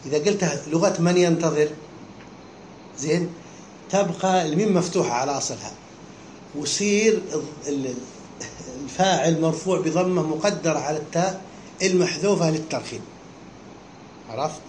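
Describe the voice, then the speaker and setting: A man whose voice sits a bit high for a male teacher guides his class through a text, often pausing to fire off short questions that check they're following. His tone is somewhat dark, and the room sounds echoey, with a faint hum in the background.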